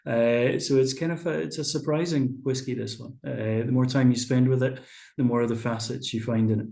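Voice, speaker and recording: A man's voice: medium pitch, fairly even intonation, fairly quick, vocal fry, warm tone, reverberant. A man hosting a whisky tasting over a video call, chatty and explanatory with frequent fillers. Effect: video call audio. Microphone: computer mic on a video call.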